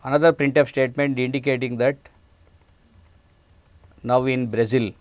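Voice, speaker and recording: A middle-aged man with an Indian English accent teaches a programming class, pausing often on "uh" as he walks through each step. His voice is smooth and clear, recorded close and dry in a studio. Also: mid-range voice, steady tone, no room sound. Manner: many hesitant "uh" fillers, explains step by step. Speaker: programming lecturer. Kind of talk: classroom lecture. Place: studio set, indoors.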